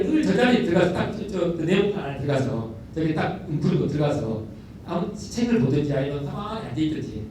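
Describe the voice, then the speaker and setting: A middle-aged man, a school principal telling stories in a lecture, animated and repeating words for emphasis, recorded from a distant mic in a large lecture hall. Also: high voice. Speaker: elementary school principal giving a talk. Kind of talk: storytelling lecture. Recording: echoey hall, distant mic, faint noise.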